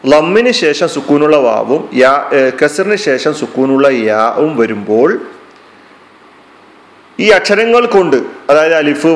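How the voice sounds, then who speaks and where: A man with a medium-pitched voice teaches a Quran recitation class, patiently explaining terms and repeating them. His classroom lesson is full of fillers, restarts and hesitations, and the audio quality is poor.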